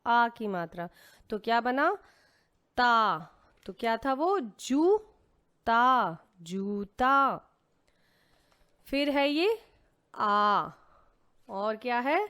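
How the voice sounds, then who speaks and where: A woman gives a reading lesson for young children, asking simple questions and answering them herself as she sounds out each syllable. She speaks slowly and patiently, dropping in English words here and there. Her voice is clear, smooth and somewhat high. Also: expressive, sharp tone. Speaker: teacher.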